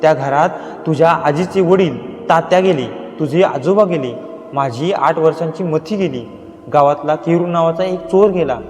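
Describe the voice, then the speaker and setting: A man's voice: on the high side, moderate pace, a little mellow, natural voice. A man voicing an older village housekeeper woman, devoted and anxious, speaking in a pleading, rustic way. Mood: fearful warning. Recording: echoey reverberant room, faint music.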